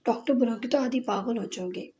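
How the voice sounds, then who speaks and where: A woman's voice: on the high side, fairly quick, mellow, natural voice. Woman doing a bossy fussy aunt. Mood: snappish. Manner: lecturing, snappish. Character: fussy middle-aged aunt, bossy, touchy.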